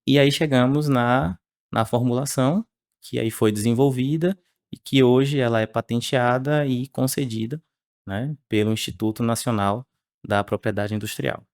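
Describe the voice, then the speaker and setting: A man, speaking as the researcher guest on a podcast interview in a measured way with frequent tag questions. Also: medium pitch, no room sound, studio quality. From Salvador, Bahia, Brazil.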